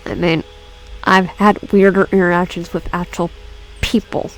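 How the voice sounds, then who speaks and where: A young adult woman, a gaming YouTuber, speaks in a fairly low, level voice while reading a horror visual novel aloud; she stumbles, restarts often and chats with viewers between lines. There's slight background noise, and the recording is low quality.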